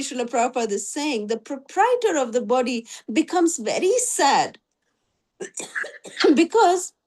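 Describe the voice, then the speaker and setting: High-voiced woman teaching a scripture class. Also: darkish tone. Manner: storytelling, with frequent "you know" fillers. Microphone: online video call.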